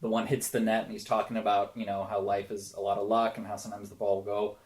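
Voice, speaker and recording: A man's voice: lowish voice, level tone, quick pace, a little mellow. A young man co-hosting a casual movie podcast, chatty and thinking aloud. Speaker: podcast co-host.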